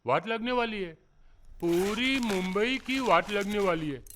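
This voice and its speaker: A man's voice: high voice, lively intonation, a little slow, fairly bright tone, a little hiss or hum. An actor playing a grumbling older male neighbor who scolds a young tenant about an electricity bill. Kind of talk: film dialogue.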